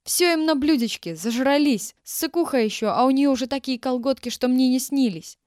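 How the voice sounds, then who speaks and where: A woman doing a shrill, spiteful old teacher. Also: lively intonation, normal speed, darkish tone, no echo, studio quality. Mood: venomous. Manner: shrieking, defensive, scornful.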